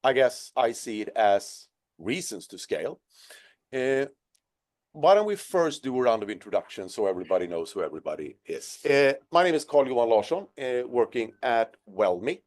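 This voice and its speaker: A man hosting a business webinar over a video call, chatty and self-deprecating in a relaxed way. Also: medium pitch, moderate pace. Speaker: webinar host.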